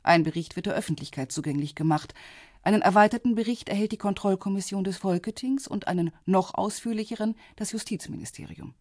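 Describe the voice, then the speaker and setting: In a radio drama, an actress voices a composed, businesslike intelligence officer, discreet and matter-of-fact in her measured delivery. Her husky voice is medium-pitched with a darkish tone, lightly acted, and recorded at studio quality with no room sound.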